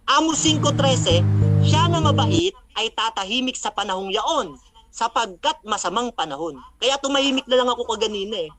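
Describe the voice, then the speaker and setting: A man's voice: extremely high pitch, bright, forceful tone. A man acting as a religious debater, mockingly recapping a debate, taunting his opponent and citing Bible verses.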